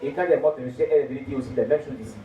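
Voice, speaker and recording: A man preaching a sermon, telling a story in an animated way and swinging between loud and hushed. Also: mid-range voice, very fast. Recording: tinny, echoey, distant, faint noise.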